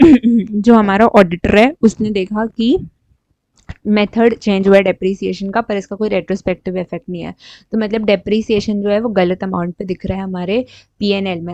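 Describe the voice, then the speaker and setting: A woman with an Indian accent solving exam questions aloud as a teacher, reading options slowly in English and explaining quickly in Hindi. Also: medium pitch, warm tone, dry recording, rough recording.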